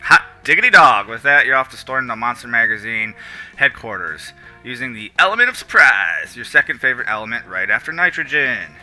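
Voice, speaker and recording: A man's voice: medium pitch, expressive, a little fast, sharp tone, faint music behind. Young man streamer reading a game aloud. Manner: playful, joking, switches into silly character voices. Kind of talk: reading a text game aloud with jokey voices.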